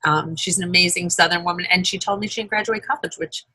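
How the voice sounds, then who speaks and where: A woman's voice: lowish voice, fast, sharp tone, husky. An American woman co-hosting a casual chat show, gushing and emphatic, often repeating her phrases. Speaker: podcast co-host. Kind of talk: casual chatty interview hosting.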